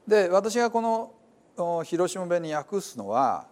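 A man's voice: high voice, big pitch swings, a little slow. A man preaching a sermon in a church, explaining Bible translation in a conversational, explanatory way with many fillers. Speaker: pastor.

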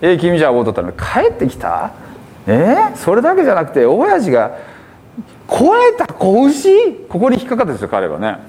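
A man's voice: fairly high pitch, huge pitch swings, fast talker, darkish tone, a little hiss or hum. A man preaching a sermon with a Hiroshima accent, retelling a parable and acting out the characters' lines. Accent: Hiroshima dialect.

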